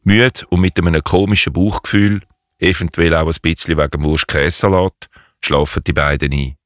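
A man's voice: low voice, steady tone, moderate pace, a bit bright, no echo. A man narrating a scripted story as its storyteller.

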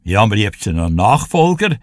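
An elderly Swiss German man in his eighties, a radio show guest and music presenter, tells anecdotes from his life in a chatty, storytelling style during a casual interview. His voice is on the low side and very animated, at a moderate pace. The recording is dry and studio quality.

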